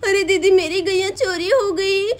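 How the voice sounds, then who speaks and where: A woman's voice: extremely high pitch, normal speed, a bit bright. A woman voicing a distraught young village wife who is pleading and close to tears in a cartoon story. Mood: tearful. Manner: pleading, tearful.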